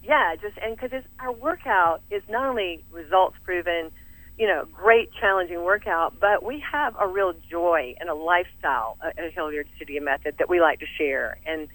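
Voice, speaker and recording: A woman's voice: fairly low pitch, normal speed, fairly bright tone, dry recording, poor audio. A middle-aged woman with a Southern US accent, talking energetically as a fitness studio owner in an interview, laughing often. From American South. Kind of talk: enthusiastic interview talk.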